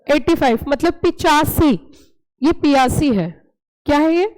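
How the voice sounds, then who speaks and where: A woman with a very high voice teaching a live classroom lesson. She is playful and animated and keeps quizzing her students with repeated questions. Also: measured pace, poor audio. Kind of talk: classroom lecture.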